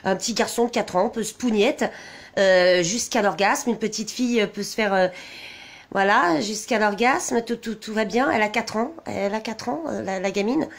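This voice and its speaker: A woman's voice: medium pitch, normal speed, gravelly. A woman vlogging off the cuff, reading a document aloud and commenting on it in an indignant, agitated and rambling way. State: wound up, on edge.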